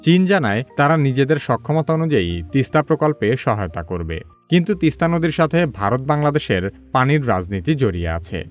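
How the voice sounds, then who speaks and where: A man narrates a scripted news explainer in a measured, even delivery, with his sentences dropping low at the ends. Faint background music plays underneath.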